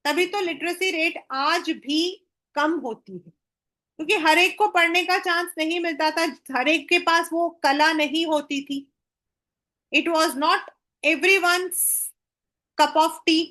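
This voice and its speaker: An Indian-accented woman teacher gives an exam-prep history lesson, switching between Hindi and English and drawing out the English phrases. Her voice is extremely high and sharp, and she takes it slowly.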